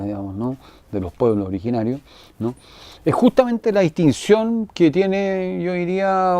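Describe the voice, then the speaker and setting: An older man lectures on philosophy at an easy, rambling pace. His voice is mellow and low-toned, heard close and dry with little room sound. He keeps checking in with his listeners through tag questions and fillers. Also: no room sound. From Chile. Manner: clears throat now and then.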